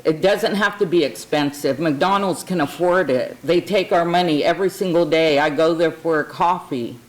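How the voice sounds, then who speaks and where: A woman's voice: low voice, moderate pace. A woman from California making an informal public comment in an earnest, conversational way, repeating words for emphasis. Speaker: public commenter at a city council meeting.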